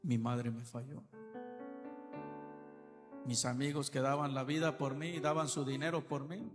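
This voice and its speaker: A middle-aged man preaching an impassioned sermon, swinging from soft pleading to loud cries. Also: mid-range voice, steady tone, unhurried. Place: church hall. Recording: church reverb with keyboard music. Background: keyboard music.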